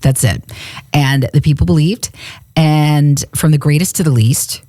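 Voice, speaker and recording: This deep, warm-toned woman speaks a little slowly as she co-hosts a faith podcast, retelling a Bible story in a relaxed, chatty way full of laughter. She's a radio and podcast co-host using a studio microphone, and the recording has studio quality with no room sound.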